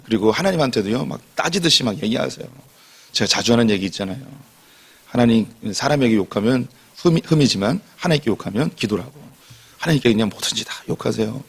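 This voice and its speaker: Male pastor, mid-pitched, chatty and repetitive sermon delivery. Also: creaky, husky. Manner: conversational, informal, repeats himself often.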